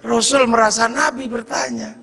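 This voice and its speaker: A man preaching a sermon as a lively story, acting out the voices and swinging between shouts and low tones. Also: moderate pace, vocal fry, slightly rough, long reverb tail. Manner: animated, acts out voices, shouts and drops low.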